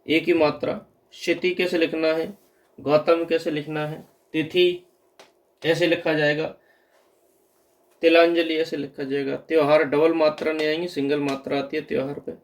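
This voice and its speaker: A man's voice: a little high, level tone, moderate pace. A man giving an exam-prep grammar lesson, patiently repeating wrong and correct word forms. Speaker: teacher.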